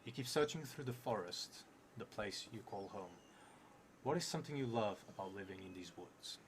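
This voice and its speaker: Seated at a table in a theatre's indoor room, a fairly low-voiced man in his thirties streams live as he narrates a solo card game for his solo role-playing stream. Unhurried, he thinks out loud and mutters asides. Steady background noise from the room is clearly heard throughout.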